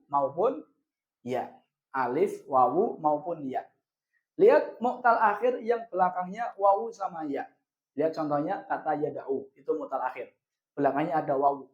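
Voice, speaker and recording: A man with an Indonesian accent teaching a grammar lesson, asking questions and answering them himself, and drawing out the example words slowly. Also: fairly high pitch. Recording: echoey room, dull lo-fi sound.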